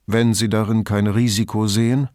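A man reading an audiobook plays a reflective middle-aged police commissioner who talks in a measured, thoughtful way. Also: fairly low pitch, flat delivery, darkish tone, dry recording, studio quality, close to an everyday voice.

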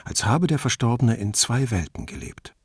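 A man narrating a novel as an audiobook reader, with an expressive, measured reading. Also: medium pitch, husky, no room sound, studio quality. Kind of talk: scripted narration.

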